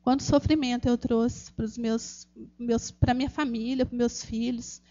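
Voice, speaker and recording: A woman's voice: a little high, steady tone, a little slow, warm tone, lo-fi sound. A Brazilian woman with a Brazilian Portuguese accent giving an earnest, emotional personal testimony at a church gathering, speaking directly to the audience with frequent restarts. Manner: earnest, addresses the audience as "gente", many restarts.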